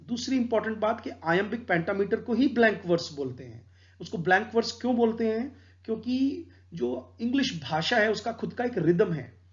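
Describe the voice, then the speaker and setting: High-voiced man teaching poetry. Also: expressive, normal speed, lo-fi sound. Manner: explains patiently, mixing Hindi with English terms. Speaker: English literature teacher. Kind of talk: exam-prep poetry lecture.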